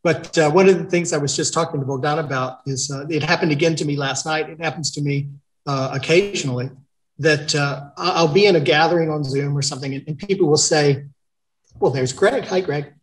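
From a home studio lined with paintings, a middle-aged man who paints co-hosts a relaxed video call chat. His voice sits on the high side and he talks briskly, rambling chattily with restarts, and the recording is rough.

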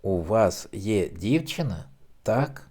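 A man's voice: mid-range voice, expressive, moderate pace, warm tone, natural voice. A man reading the lines of a forward young woman who teases a shy man with probing questions. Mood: teasing.

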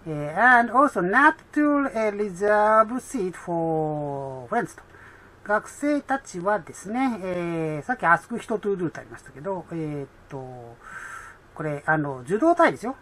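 Woman, English exam tutor, chatty, bright tone, lowish pitch. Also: very animated, slight background noise. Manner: chatty, many fillers, reads English slowly. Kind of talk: explaining an English reading test.

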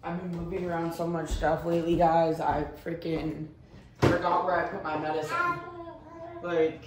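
A woman in her thirties vlogs casually to camera from the bedroom and kitchen of her small apartment, frank and chatty, constantly saying "like" and "guys." Her voice is fairly low with little pitch movement and a moderate pace. The camera sits a few steps away, so the sound is distant and echoey with background noise.

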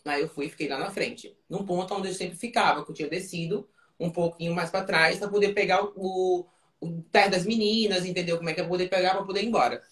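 Interview guest, woman, lower register, chatty storyteller who keeps checking the listener follows; roomy echo. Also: steady tone, quick pace. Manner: tells it vividly, often checking in with "entendeu?"; frequent fillers and restarts.

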